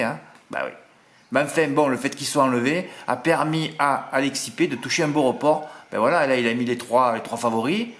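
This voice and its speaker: A man's voice: mid-range voice, fairly bright tone. A man with a Marseille accent, talking casually as a horse racing tipster, chatty and self-mocking, tagging his sentences with little asides. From southern France. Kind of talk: casual monologue. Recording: echoey room.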